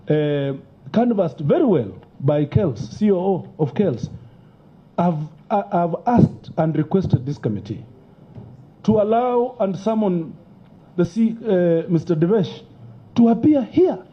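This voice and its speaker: At a parliamentary committee hearing, a man gives heated, emotional testimony, insisting on his points and talking over the questioner. His voice sits high and is slow and sing-song, heard through muffled, lo-fi broadcast audio.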